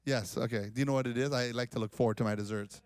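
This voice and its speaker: A man's voice: mid-range voice, steady tone, very fast, smooth, no echo. A man in his forties, a pastor giving a casual, rambling, joking talk at a conference. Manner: rambling, self-deprecating, joking. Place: conference hall.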